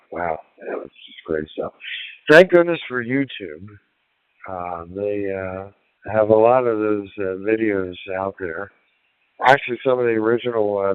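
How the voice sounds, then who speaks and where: A man's voice: lowish voice, no echo. A man chatting on a ham radio link, rambling and laughing between remarks. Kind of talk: casual radio chat. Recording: narrow tinny radio audio, dry.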